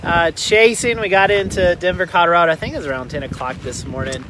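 High-pitched man vlogging in heavy noise. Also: quick pace. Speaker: storm chaser hosting the vlog. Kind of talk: casual vlog chat and commentary. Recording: very noisy, wind and vehicle rumble.

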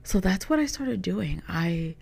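A woman's voice: fairly low pitch, animated, a little slow, gravelly, a little mellow, breathy edge. A young woman, a content creator, talking casually in a rambling podcast monologue, filling her sentences with "like". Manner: rambling, heavy use of "like" as filler.

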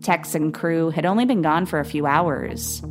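Female true-crime narrator, low voice, grave and steady, light music bed. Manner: measured, grave storytelling with quoted voices. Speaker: podcast narrator.

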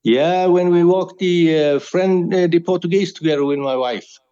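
Hesitant man, mellow voice. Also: high voice, highs cut off. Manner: hesitant, searches for English words. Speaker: interviewee, pilgrim. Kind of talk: casual chat.

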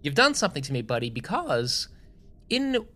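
A man's voice: fairly high pitch, wildly swooping pitch, normal speed, bright, forceful tone. A young adult man co-hosting a podcast, talking in a rambling, enthusiastic way with lots of restarts. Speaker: podcast co-host. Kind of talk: casual podcast chat.

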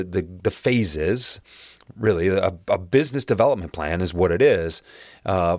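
A man hosting his podcast alone, speaking in an earnest, encouraging way with a raspy voice today. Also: on the low side, dry recording, clean studio sound. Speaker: podcast host. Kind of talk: solo podcast monologue.

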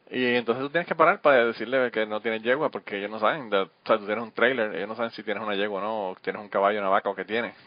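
A man, hosting a podcast in quick, laughing casual chat. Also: medium pitch, no echo. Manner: fast-talking, laughs often. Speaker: podcast host. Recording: dull, slightly lo-fi audio.

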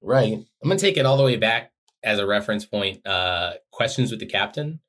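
Male podcast co-host, low voice, playful teasing banter. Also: expressive, fairly quick, fairly bright tone. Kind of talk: casual chat.

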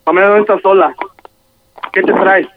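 A man with a Mexican accent plays along in a prank call, talking casually. His voice sits quite high. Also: steady tone, normal speed, phone-quality sound, noisy background. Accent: Mexican Spanish.

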